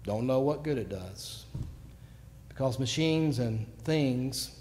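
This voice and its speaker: A man preaching a sermon, telling stories and moving between quiet asides and sudden loud bursts. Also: mid-range voice, animated, takes it slowly. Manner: storytelling, swings from quiet to shouting. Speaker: pastor. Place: church sanctuary. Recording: long church reverb.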